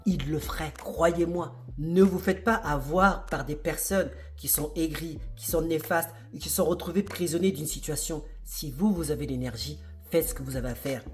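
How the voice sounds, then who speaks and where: A man's voice: on the high side, moderate pace, few pauses, faint music behind. A man giving an emphatic motivational monologue to camera, asking the viewer rhetorical questions. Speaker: real estate investor and video host.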